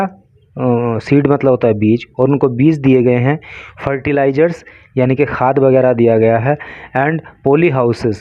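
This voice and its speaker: A man teaching English from a newspaper, reading English phrases slowly and then explaining their meanings in Hindi. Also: medium pitch, no room sound, lo-fi sound.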